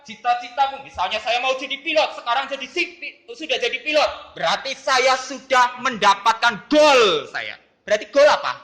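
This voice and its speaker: A middle-aged teacher, playfully teasing students and calling on them by name in a lively online class. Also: high-pitched, reverberant.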